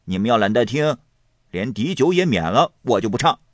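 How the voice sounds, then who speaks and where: A loud, boorish young rich man, as a man reading the story puts him on, who hems and stalls between words and then bursts out. His voice rises and falls widely, and it sits close in a dry, flat-sounding space. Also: medium pitch, no echo, pitched above the performer's own voice, exaggerated voice. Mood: blustering. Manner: hemming with drawn-out pauses.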